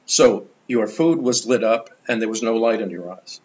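An older man, a guest in an interview, telling stories in an animated, enthusiastic way. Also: on the low side, moderate pace, lo-fi sound. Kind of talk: conversational storytelling.

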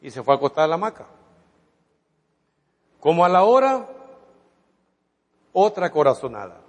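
A man's voice: fairly high pitch, very animated, normal speed. A male preacher dramatically retelling a story in a sermon, acting out the dialogue as he goes. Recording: long reverb of a hall.

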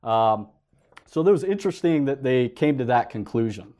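A man on a casual panel, talking in a brisk, blunt, conversational way. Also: mid-range voice, animated, mellow. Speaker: panel co-host.

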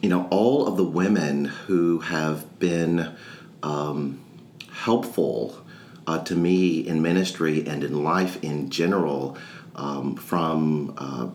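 Deep voiced guy pastor on a podcast, thoughtful n halting, echoey room w/ faint noise. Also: a little mellow. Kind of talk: casual podcast chat. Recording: roomy echo with faint background noise.

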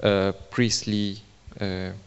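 Line by line, a man renders a sermon into English, copying the preacher's emphasis with small grammatical slips along the way. He speaks extremely slowly in a smooth, lowish, level voice, and the lo-fi recording echoes through a reverberant church hall.

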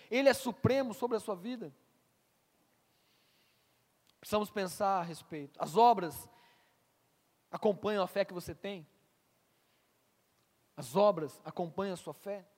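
Pastor, male, high voice, preaching sermon, asks the room questions, long church reverb. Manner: stammers on restarts, asks the congregation questions.

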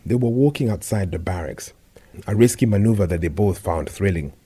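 A man reading a story aloud in a measured, scripted narration. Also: sits low, lively intonation, mellow, husky.

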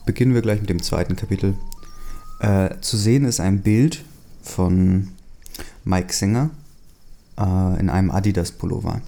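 A man's voice: low-pitched, normal speed, creaky, pauses often, dark tone. A man casually reading a fan story aloud, hesitant, with many fillers and chatty asides. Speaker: story reader.

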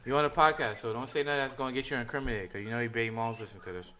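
A man's voice: mid-range voice, fairly even intonation, racing, crowd noise. A man hosting a casual group chat, teasing in heavy slang and repeating his phrases. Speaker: podcast host. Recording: voices crowded around the mic.

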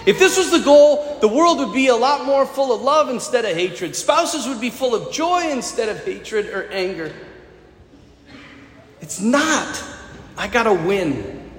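A man, a priest, preaching a sermon in an animated way, with acted-out quotes and humor, in a church. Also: extremely high pitch, measured pace. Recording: echoey church hall with faint ambience.

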